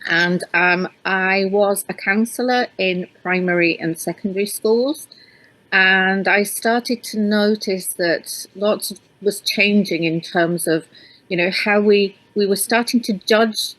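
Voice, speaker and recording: A woman raised in Yorkshire, England, with a hybrid northern English accent, answers questions as an interview guest; she is an author and researcher. Her mid-range, fairly bright voice keeps a steady tone at a slow pace, hesitant with many ums and restarts. The audio is poor, with no room sound.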